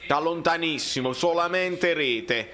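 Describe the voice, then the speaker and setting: A football fan reacts live to a match in a high, bright, forceful voice. He is a man with a Neapolitan accent who talks in colloquial street slang. His casual commentary is excitable, with theatrical complaining. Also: unhurried.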